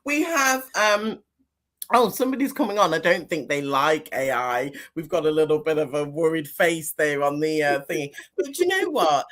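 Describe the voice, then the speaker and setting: A woman's voice: low-pitched, animated, moderate pace, fairly bright tone. A woman hosting a podcast interview over a video call, chatting casually and animatedly, laughing often. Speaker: podcast host.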